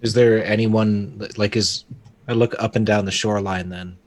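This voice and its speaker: Male tabletop player, lower voice, rambling and playful. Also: fairly even intonation, normal speed. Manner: hesitant, rambling, goofy. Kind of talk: playing a tabletop game.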